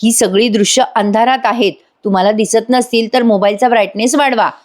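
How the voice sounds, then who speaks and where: A woman's voice: a little high, steady tone, brisk, lightly acted. Lady doing a panicky young woman, stammering and pleading, voice jumping way up. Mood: frantic.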